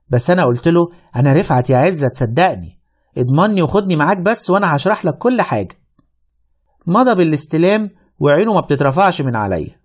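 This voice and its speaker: Wry Egyptian male radio-drama narrator. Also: a little high. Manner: wry, lively storytelling.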